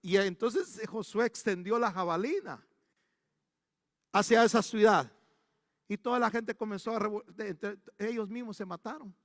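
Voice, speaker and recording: High-voiced pastor in a reverberant church. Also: male voice, moderate pace, clean studio sound. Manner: animated storytelling with frequent restarts. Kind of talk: storytelling sermon.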